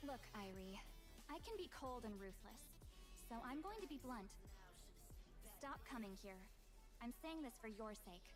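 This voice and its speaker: Actress as a blunt young female guardian, cool, firm, high lively voice, game music behind. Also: moderate pace, pauses often, close to an everyday voice.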